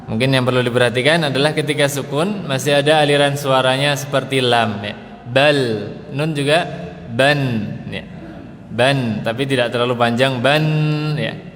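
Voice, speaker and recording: A man teaches Quran pronunciation, slowly drawing out each letter sound and tagging "ya" onto almost every phrase. His voice sits at an ordinary middle pitch. Long reverb from the mosque hall trails behind him over a faint hiss of noise. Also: a bit bright. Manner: patient, slow demonstrations of letter sounds, adds "ya" after nearly every phrase.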